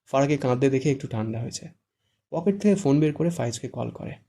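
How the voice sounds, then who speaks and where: Gravelly, dark-voiced male narrator. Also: medium pitch, fairly quick. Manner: even storytelling. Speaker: audiobook narrator. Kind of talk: scripted narration.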